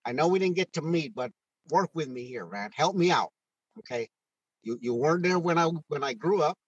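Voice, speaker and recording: Earnest older man, halting and heartfelt. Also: on the high side, expressive, husky, dry recording, highs cut off. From Mexico. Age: 60s. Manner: earnest, halting with many restarts and fillers. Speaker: interview guest, retired first sergeant. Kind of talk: candid conversational interview. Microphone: phone call audio.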